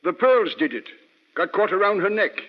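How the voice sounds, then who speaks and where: An actor playing a sceptical, slow-witted police inspector, blustering and dismissive in an old radio drama. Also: male voice, sits high, animated. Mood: smugly dismissive. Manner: blustering, dismissive, easily baffled. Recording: dull old radio recording, long reverb.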